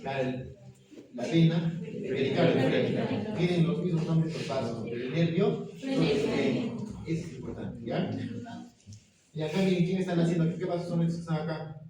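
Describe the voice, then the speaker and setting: A man's voice: on the high side, a crowd in the background. A man teaching an anatomy class, firing questions at students and confirming their answers with "correct, very good". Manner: asks quick questions and confirms answers with "correcto, muy bien". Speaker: anatomy lecturer. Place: lecture room with students. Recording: very echoey room, distant mic, students audible. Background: students murmuring answers.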